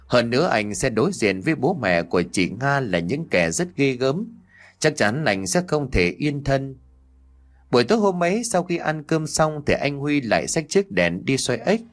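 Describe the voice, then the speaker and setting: A man tells a ghost story in a dramatic, expressive storytelling style. He speaks in a mid-range voice at a moderate pace.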